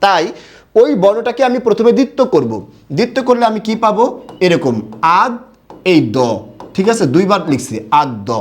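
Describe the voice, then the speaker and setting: A male teacher giving an online pronunciation lesson, his pitch sitting a little high and swinging widely as he explains. He keeps asking the class questions and then answering them himself. He breaks words down letter by letter and repeats the key points. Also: expressive, normal speed, pauses often. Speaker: Bangla grammar teacher.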